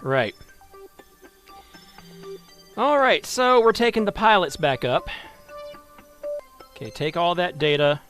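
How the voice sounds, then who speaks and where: A man's voice: sits high, expressive, slow pace, long pauses, a bit bright, soft background music. A man giving wry, self-deprecating live commentary while playing a space game, thinking aloud as he goes. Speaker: game streamer.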